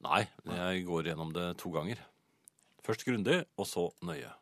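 A man co-hosting a comedic radio show in a studio, telling stories in a deadpan, hesitant way. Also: low-pitched, no echo. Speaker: radio host. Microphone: studio microphone.

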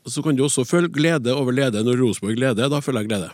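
A man's voice: medium pitch, a little mellow, no echo. A man hosting a radio talk show, reacting with short remarks and playful jokes. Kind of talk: radio discussion.

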